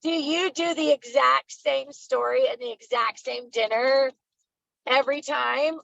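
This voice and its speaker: A woman's voice: sits high, unhurried, creaky, fairly bright tone, no room sound, lo-fi sound. A woman asking a question on a video call, hesitant and casual with many fillers. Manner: hesitant, lots of "like".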